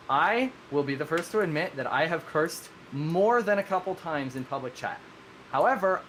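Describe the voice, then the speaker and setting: A man's voice: on the high side, a bit bright, a little hiss or hum. A man who runs a game server, explaining his rules earnestly in a live-streamed discussion, rambling and often restarting his sentences. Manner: earnest, rambling, self-correcting with many restarts.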